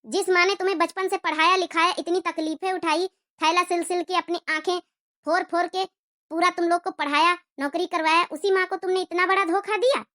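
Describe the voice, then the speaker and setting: A woman's voice: very high voice, fairly even intonation, fairly quick, bright, forceful tone, voice pushed up. A woman voicing an aged mother who scolds her grown daughters for neglecting her, then comforts them. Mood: scolding. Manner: scolding, reproachful.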